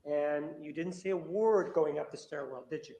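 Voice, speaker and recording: A man's voice: fairly high pitch, moderate pace, dark tone. A man prosecuting at a trial, cross-examining a witness with pressing, repetitive, combative questions. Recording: echoey courtroom audio.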